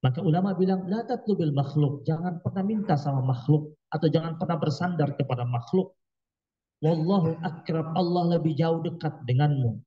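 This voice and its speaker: A man's voice: fairly high pitch, normal speed, slightly rough, lo-fi sound. A man giving an Islamic sermon at a study gathering, emphatic, full of rhetorical questions and dramatic quoted outbursts. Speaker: preacher.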